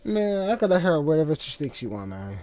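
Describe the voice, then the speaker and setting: A man's voice: on the high side, very animated, a little fast, darkish tone, no room sound. A man live-streaming a game, chatting casually in loose, profane, teasing banter.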